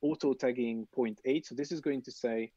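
A man guest explaining a software tool in a casual, hesitant way with fillers. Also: medium pitch, steady tone, moderate pace, no echo, highs cut off. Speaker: guest developer advocate.

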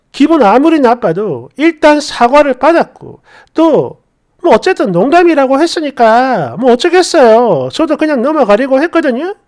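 A woman's voice: high-pitched, a little mellow. Exasperated chatty woman storyteller. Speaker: narrator. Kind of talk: first-person story narration.

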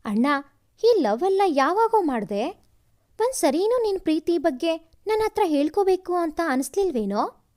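A woman's voice: very high voice, big pitch swings, moderate pace, mellow, voice pushed up. A woman voicing a caring younger sister who anxiously coaxes her brother to say why he is crying. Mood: worried. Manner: coaxing, concerned.

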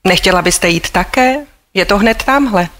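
A woman's voice: medium pitch, fairly bright tone, lightly acted. Phryne Fisher, read by a woman, breezy. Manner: breezy, offhand and kindly. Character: poised, unflappable young society woman detective. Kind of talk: audiobook character voice.

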